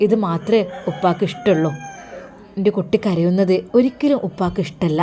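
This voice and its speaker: A woman's voice: fairly low pitch, fairly quick, warm tone, close to an everyday voice. A woman voicing a loving, emotional older father who comforts his daughter in an earnest, pleading way. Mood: tender.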